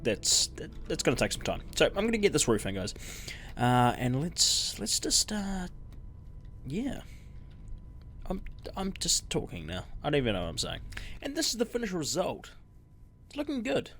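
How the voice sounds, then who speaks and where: Man with a lively, bouncy voice. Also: medium pitch. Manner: rambling and self-interrupting, with chuckles. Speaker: gaming YouTuber. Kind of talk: casual gameplay commentary.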